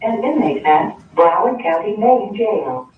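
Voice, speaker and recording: Automated payphone collect-call voice, flat recorded prompt; heard from far off in a very echoey room, muffled. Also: medium pitch, measured pace. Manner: flat recorded announcement, reading fees and options. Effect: payphone collect-call recording played over courtroom speakers. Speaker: automated jail phone system prompt. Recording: distant, echoey, muffled phone-call playback in a courtroom.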